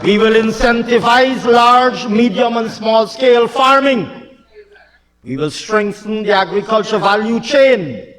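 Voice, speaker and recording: A man giving a parliamentary speech as a government minister, declaiming and repeating phrases for emphasis, often shouting. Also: sits high, measured pace, in a large hall, rough recording. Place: parliament chamber.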